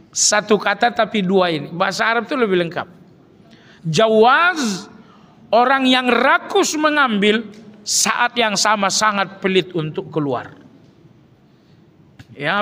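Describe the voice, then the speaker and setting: A man's voice: sits high, bright, forceful tone. A man preaching a sermon to a congregation, explaining terms and putting questions to his listeners. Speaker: Islamic preacher. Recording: long hall reverb.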